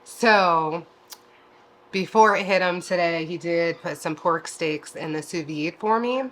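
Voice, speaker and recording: A woman's voice: fairly low pitch, a little slow, fairly bright tone. A woman co-hosting a home cooking vlog, talking in a chatty, laid-back way from her kitchen. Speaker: keto vlog co-host. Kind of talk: casual chat.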